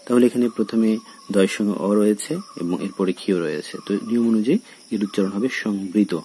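A man from Bangladesh, a college lecturer, giving a recorded lesson and speaking straight to his students, slowly explaining and repeating example words. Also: on the low side, dark tone, slight background noise. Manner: addresses students directly.

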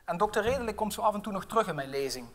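A man's voice: high-pitched, expressive, rapid-fire, a bit bright. A middle-aged man, a professor and family doctor, giving an inaugural lecture, friendly, with frequent fillers, and reading a fairy tale aloud. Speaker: professor and general practitioner.

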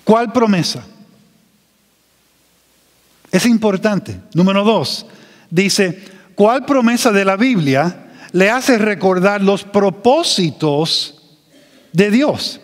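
A man preaching a sermon as pastor, slow and emphatic, drawing out his phrases. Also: high-pitched, animated, big-room sound.

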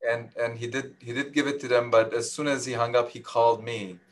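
A Nobel laureate guest who grew up in Lebanon, Armenian his first language, speaks modestly over a webcam video call from an office with a large window. His medium-pitched voice has fairly even intonation and runs a little fast, full of restarts and fillers.

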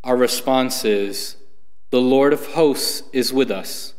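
A middle-aged man reading scripture and psalms aloud at Mass in a formal, deliberate way. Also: medium pitch. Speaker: lay reader at Mass. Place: church sanctuary, standing at lectern. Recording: echoing church with long reverb.

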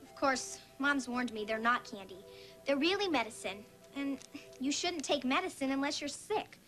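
A bright chatty little girl. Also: high voice, expressive, normal speed, faint music behind. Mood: musing. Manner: chatty, talks to herself and her cat. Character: young girl, curious and tempted.

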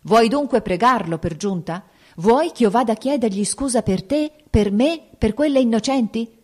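In an audiobook, a harsh domineering old baron hurls scornful rebukes at his daughter, as a woman reads him. His voice runs high and loud, straining upward as his temper flares. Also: animated, moderate pace. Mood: angry. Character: furious older nobleman father, harsh and domineering. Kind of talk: audiobook character reading.

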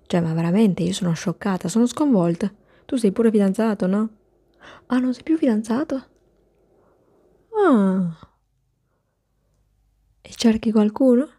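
A woman's voice: mid-range voice, measured pace, pauses often, warm tone, breathy edge, dry recording, clean studio sound. A woman playing a rude, jealous medical assistant in whispered role-play. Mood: scandalized. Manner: rude, bossy, scolding.

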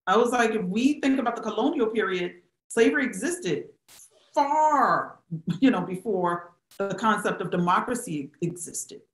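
A woman's voice: medium pitch, expressive, moderate pace. Emphatic woman professor on a video call. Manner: emphatic, gestures a lot, rhetorical questions. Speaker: historian and professor, guest speaker. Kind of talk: answering questions in a talk. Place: small indoor room at home. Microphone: webcam on a video call. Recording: roomy webcam sound.

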